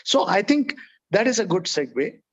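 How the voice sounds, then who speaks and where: Indian-accented man, somewhat high voice. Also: very animated, normal speed. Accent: Indian English. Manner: repeats words and restarts, often adds "okay, right?". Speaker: entrepreneur guest. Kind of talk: conversational storytelling in an interview. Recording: dull lo-fi recording.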